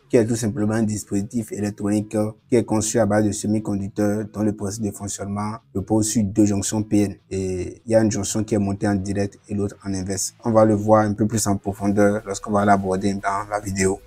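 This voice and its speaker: Male teacher, even and monotone delivery, talks viewers through diagrams as he writes. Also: lowish voice. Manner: explains while writing, casual asides to viewers; apologizes for his English pronunciation. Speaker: electronics teacher. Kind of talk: whiteboard lesson.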